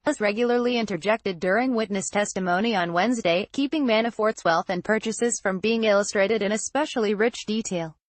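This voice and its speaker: A woman narrating a news roundup in a steady, scripted read-aloud delivery. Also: mid-range voice, brisk, few pauses, no room sound.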